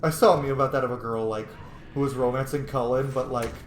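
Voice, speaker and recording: A man with a medium-pitched voice speaks fast in a fairly even tone, giving casual, playful let's play commentary on a video game. He swears now and then and rambles into asides. The recording has a roomy echo and faint background noise.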